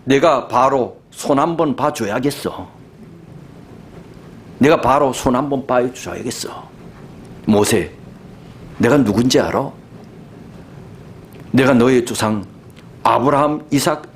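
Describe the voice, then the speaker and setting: A pastor voicing God, bold and commanding. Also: male voice, medium pitch, unhurried, pauses often, a little hiss or hum, close to an everyday voice. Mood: reassuring. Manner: bold, emphatic, reassuring. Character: God speaking to a discouraged prophet, commanding.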